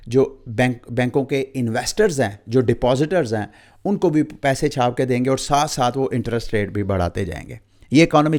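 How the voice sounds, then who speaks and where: A man's voice: mid-range voice, darkish tone. Pakistani man explaining crypto market news. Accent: Pakistani Urdu. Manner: explanatory, addresses viewers directly, mixes English terms. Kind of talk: market update monologue.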